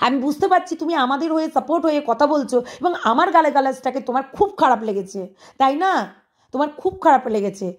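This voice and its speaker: A woman's voice: high voice, lively intonation, fast talker. A woman video creator delivering a confrontational monologue at a rival, scolding her and pressing with repeated rhetorical questions.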